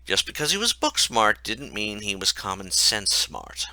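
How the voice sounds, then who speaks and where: A man's voice: lowish voice, sing-song, normal speed, pushed and bright, no echo. A man reading his own comic story aloud in a wry, mocking way.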